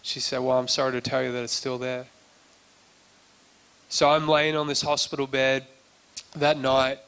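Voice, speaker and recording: A man preaching in an easy, chatty sermon voice, bright and crisp in tone. He tells his story with little rise and fall in pitch, acting out the lines he quotes. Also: flat delivery, normal speed. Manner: conversational, acts out quoted dialogue, frequent restarts. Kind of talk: sermon testimony.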